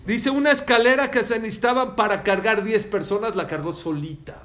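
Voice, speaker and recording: A man's voice: sits high, brisk, a bit bright, reverberant. A man teaching a religious lesson to a live audience, telling stories animatedly and questioning his listeners.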